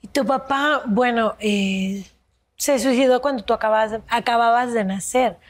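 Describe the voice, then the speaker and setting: A woman with a somewhat high voice hosts a TV interview from a studio. She asks her questions gently and at a measured pace. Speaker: TV show host.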